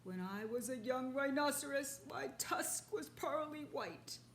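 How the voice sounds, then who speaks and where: A woman voicing an old, angry, weepy male rhinoceros, speaking loudly and drawing out her words. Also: high-pitched, expressive, measured pace, slight background noise, pitched above the performer's own voice. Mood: mournful. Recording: echoey room with faint ambience.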